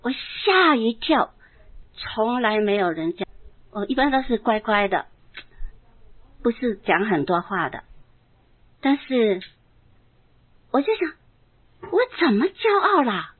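A woman pastor giving an earnest, emotional personal testimony in a sermon, reading scripture slowly and deliberately. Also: fairly high pitch, expressive, breathy edge. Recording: tinny phone-like sound.

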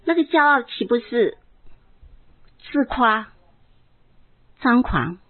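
A woman pastor giving an earnest, emotional personal testimony in a sermon, reading scripture slowly and deliberately. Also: on the high side, big pitch swings. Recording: tinny phone-like sound.

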